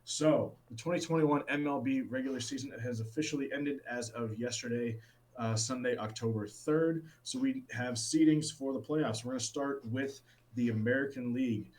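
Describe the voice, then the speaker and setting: A man's voice: mid-range voice, moderate pace, darkish tone. Rambling man chatting sports. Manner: rambling, many fillers and restarts; enthusiastic about baseball. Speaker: podcast co-host. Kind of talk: casual sports chat.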